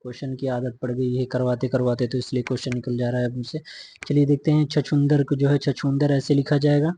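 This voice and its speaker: A man's voice: medium pitch, monotone, fairly quick, warm tone, slight background noise. A man teaching a methodical exam-prep spelling lesson, repeating each word and checking in often. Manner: repetitive, methodical dictation with frequent "theek hai" check-ins.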